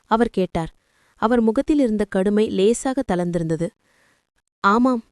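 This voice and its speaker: A woman narrating a story in a calm, measured, emotive reading. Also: medium pitch, no echo, studio quality. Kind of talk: scripted narration.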